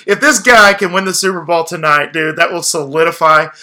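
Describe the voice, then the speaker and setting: A man with a slightly high, bright and forceful voice, chatting casually about sports. He rambles from one rant to the next, swearing freely and cracking jokes. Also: a little fast. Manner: profane, rambling, jokey rants. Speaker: podcast co-host.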